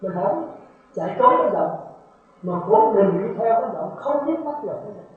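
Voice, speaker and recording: A man's voice: high voice, lively intonation, fairly quick. A man, a Buddhist monk giving a dharma talk who keeps checking that his listeners follow. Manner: lecturing, repeats rhetorical checks to listeners. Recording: heavily echoey, tinny phone-like sound.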